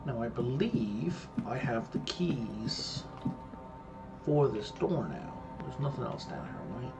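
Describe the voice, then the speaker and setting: A gameplay streamer with a medium-pitched voice and lively intonation talks slowly through a casual let's-play of a mystery game. He mutters to himself, thinks aloud, and explains history as he goes, with game music in the background.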